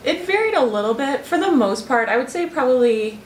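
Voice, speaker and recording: Speaking fairly quickly in a high voice with lively intonation, a young student researcher explains her project during an interview. She is thoughtful but full of fillers and false starts. The audio is roomy and a touch distant, with faint ambience and slight background noise.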